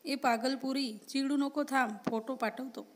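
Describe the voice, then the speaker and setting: A woman voicing a gruff young male college student who scolds bluntly but cares. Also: high voice, steady tone, measured pace. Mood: teasing. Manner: scolding, blunt, secretly caring.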